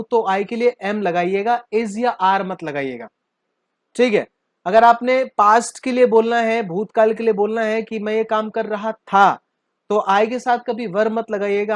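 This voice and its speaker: A man's voice: high voice, no room sound. A man from northern India, teaching spoken English at a board in a playful way, often checking in with his students. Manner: playful, addresses students directly, checks understanding with questions.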